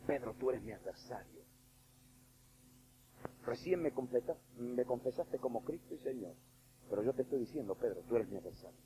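A man preaching a sermon while voicing Jesus as a solemn man who quietly and gravely rebukes a disciple. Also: mid-range voice, expressive, moderate pace, long pauses, a little hiss or hum, natural voice, low-quality recording.

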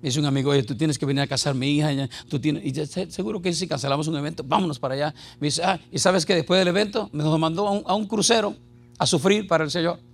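A middle-aged man preaching an animated sermon full of jokes and anecdotes. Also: fairly high pitch, fast talker, gravelly, faint music behind. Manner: animated, jokey, shouts and laughs at times.

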